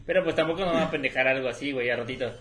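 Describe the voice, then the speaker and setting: A man's voice: medium pitch, very fast, a bit bright, a little hiss or hum. A young man with a Mexican accent, chatting in a slangy, laid-back way on a podcast. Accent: Mexican Spanish. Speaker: podcast co-host. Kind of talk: casual chat.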